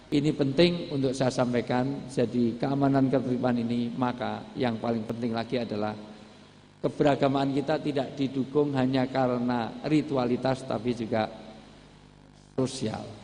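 A man's voice: mid-range voice, a little hiss or hum. A man giving a humorous religious lecture, joking and acting out scenes. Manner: lively, jokey, mixes in Javanese, acts out scenes. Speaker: preacher. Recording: long hall reverb.

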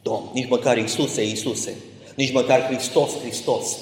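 A man's voice: mid-range voice, steady tone, a little hiss or hum. A man preaching an impassioned sermon as a pastor, swelling to emphatic peaks, in a church. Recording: echoey church hall.

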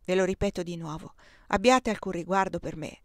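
A woman's voice: on the low side, a little fast, dry recording, clean studio sound, lightly acted. A woman voicing a proud, passionate young woman in a read-aloud novel, speaking with pleading emotion. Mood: impassioned.

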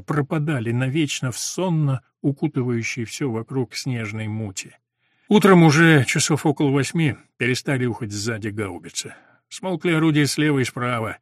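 Male audiobook reader, mid pitch, steady literary narration, dry close sound. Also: no echo.

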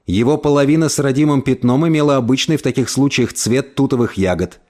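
A man reading a first-person story aloud in an expressive narration. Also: medium pitch, quick pace. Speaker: audiobook reader.

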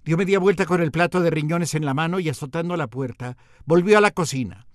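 A man, a radio host telling a humorous first-person story in a lively, theatrical, self-mocking way. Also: on the high side, a little fast, no echo, studio quality.

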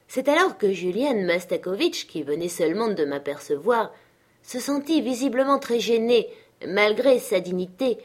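A woman narrating a classic literary tale as an audiobook, in a measured, expressive storytelling manner. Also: mid-range voice.

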